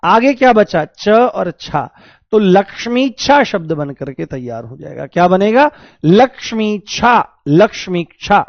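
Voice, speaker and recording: A high-voiced man leads an exam-prep grammar lesson. He explains each step, repeats the key words and calls out questions to his students. The sound is dry and slightly dull. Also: very animated, slow, vocal fry, no room sound. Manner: addresses students as "babu" and "babuji". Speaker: Hindi teacher.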